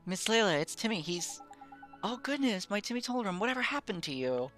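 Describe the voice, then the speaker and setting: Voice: mid-range voice, sing-song, brisk, fairly bright tone, soft background music, voice pushed up. A player voicing a polite, earnest young boy.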